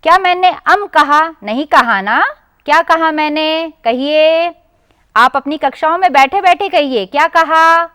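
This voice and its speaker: A woman teacher with an Indian Hindi accent giving a televised lesson to children, drawing out each sound slowly and asking them questions. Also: high voice, pushed and bright, no echo, studio quality. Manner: slow, drawn-out pronunciation, addressing children directly. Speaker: primary school teacher.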